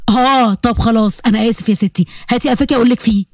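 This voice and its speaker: A woman's voice: a little high, very fast, darkish tone, no room sound, pitched below the performer's own voice. A woman voicing a joking young man who teases his cousin, with an Egyptian Arabic accent. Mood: teasing. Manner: teasing, offhand.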